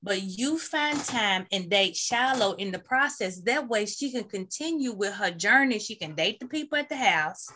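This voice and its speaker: Bright, animated woman recapping a reality show. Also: mid-range voice, normal speed, hardly any pauses, slight background noise. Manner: animated, opinionated, acts out quotes.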